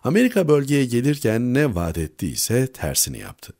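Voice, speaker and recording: A man reading a newspaper opinion column aloud in a measured way, letting each sentence drop low at the end. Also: wildly swooping pitch, a little mellow.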